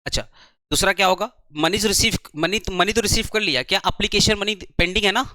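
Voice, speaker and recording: Male tutor, brisk, repeats terms, dry close sound. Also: sits high, sharp tone, no echo. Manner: brisk, urges students to write fast, repeats terms. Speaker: commerce tutor. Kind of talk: classroom lecture. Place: coaching classroom.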